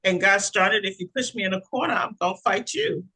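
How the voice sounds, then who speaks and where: A woman's voice: mid-range voice, fast, husky, poor audio. A woman co-hosting a podcast and working as a coach, chatting expressively and laughing as she talks. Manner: expressive, laughs while talking. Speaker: podcast co-host, life coach. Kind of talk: casual chat.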